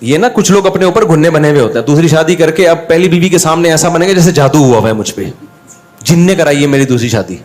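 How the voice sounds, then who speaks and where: Middle-aged guy telling funny stories while he draws, fairly high voice, lively, does the other people's voices. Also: quick pace. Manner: animated, acts out other people's lines. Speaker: drawing channel host. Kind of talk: anecdotal storytelling over drawing.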